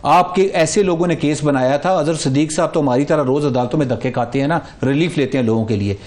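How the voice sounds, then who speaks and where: A man, a barrister, making a measured legal argument on a TV talk show, dropping English legal terms. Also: on the high side, darkish tone. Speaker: barrister guest.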